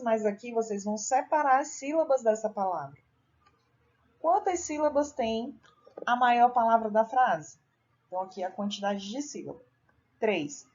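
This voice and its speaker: A woman's voice: medium pitch, darkish tone. Patient woman teacher on a lo-fi recording. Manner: patient, explains step by step, uses tag questions. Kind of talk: recorded classroom lesson walking through a workbook.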